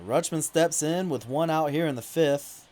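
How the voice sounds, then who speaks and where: A man giving casual play-by-play commentary over his video game, mostly relaxed and now and then complaining loudly about calls. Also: a little high, normal speed. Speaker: gaming YouTuber.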